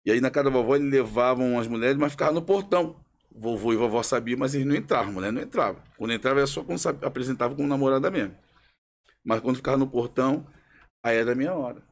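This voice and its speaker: A Brazilian man from the Federal District, a singer guesting on a podcast, telling lively anecdotes, laughing as he talks and acting out the people he quotes. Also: medium pitch. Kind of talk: casual podcast storytelling.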